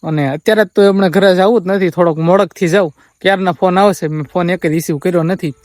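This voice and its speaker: A man's voice: sits high, steady tone, fast, darkish tone, dry recording. Subdued young man vlogging. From Gujarat, India. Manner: subdued, rambling and repetitive, often quoting others. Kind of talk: confessional vlog to viewers. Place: family farm, outdoors.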